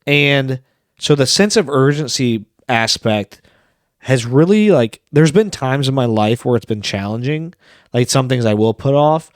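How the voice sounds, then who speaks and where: A man's voice: medium pitch, animated, unhurried, clean tone, no room sound. Guy on a business podcast, rambly, lots of likes and restarts, dry mic. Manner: rambling, many restarts and fillers. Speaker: podcast co-host. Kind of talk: casual podcast chat.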